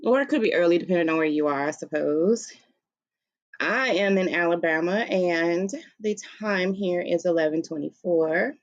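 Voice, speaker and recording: A woman's voice: on the low side, normal speed, highs cut off. A woman with a Southern US accent chatting casually and playfully on an informal livestream, recorded through a laptop's built-in microphone. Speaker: livestream host and author. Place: room at home, seated on beanbag. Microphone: laptop's built-in mic, no plugged-in microphone.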